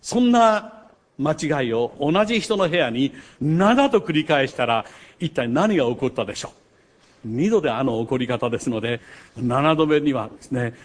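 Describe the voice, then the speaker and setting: An older man preaching a sermon. He tells stories, rising to loud emphasis and dropping to hushed asides. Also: medium pitch, expressive, normal speed. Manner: storytelling with wide swings between loud emphasis and hushed asides. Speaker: pastor.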